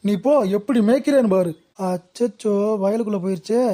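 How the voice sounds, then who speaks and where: A woman's voice: mid-range voice, brisk, warm tone, lightly acted. A woman voicing a lazy, feeble old village man, complaining in a cartoon comedy. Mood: whiny.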